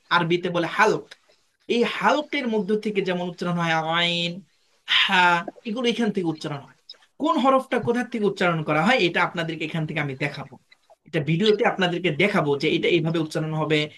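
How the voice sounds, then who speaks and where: A man with a Bangladeshi Bengali accent, a Quran teacher explaining a course in a demo class, slowly spelling out sounds. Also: high-pitched, fairly bright tone. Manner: patient, slow spelling-out of sounds.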